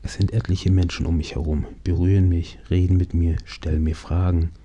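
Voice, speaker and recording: A man with a very low, dark voice tells a first-person story in halting, dramatic phrases. His tone is husky, and at times it sinks to a hushed whisper. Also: flat delivery. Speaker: narrator of his own accident.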